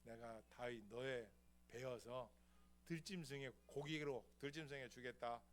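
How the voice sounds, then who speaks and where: A man voicing a giant warrior who mocks his small opponent in a lower, quieter, scornful voice. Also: fairly even intonation, a little slow, a little hiss or hum, lightly acted. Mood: mocking. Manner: mocking, scornful.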